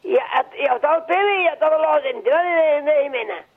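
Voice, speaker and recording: An older man calling a radio show by telephone, chatting casually in a rambling, halting way. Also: very high voice. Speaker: radio phone-in caller. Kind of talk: casual chat. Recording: tinny telephone line on radio.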